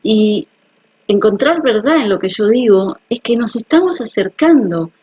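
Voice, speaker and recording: A woman's voice: mid-range voice, lively intonation, a little slow, darkish tone, slightly rough, muffled recording. A woman hosting her own video, explaining things to viewers in an earnest, personal way and checking that they follow. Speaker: health video host. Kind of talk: casual explanatory talk to viewers.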